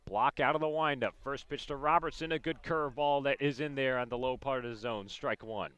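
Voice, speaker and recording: In a brisk, steady voice of medium pitch, a radio announcer gives live baseball play-by-play, snapping off descriptive calls as the plays happen. The tone is fairly bright and clean, and the recording is dry.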